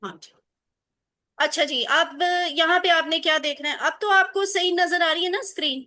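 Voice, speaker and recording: A woman teaching a class over a video call, with a high and bright voice. She keeps encouraging her students and keeps putting questions to them.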